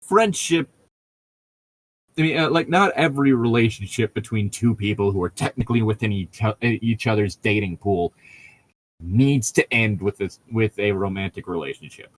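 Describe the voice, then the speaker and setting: Over a rough recording, a man with a fairly low voice talks at a moderate pace as a podcast co-host reacting to a book. It's a casual, joking conversation that rambles as he corrects himself.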